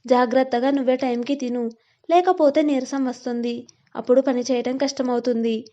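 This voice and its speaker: A caring middle-aged mother gives her daughter earnest advice in a storybook tale, as a woman narrator puts her on. The voice is high and mellow, steady and instructive. The recording is slightly dull. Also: moderate pace, natural voice.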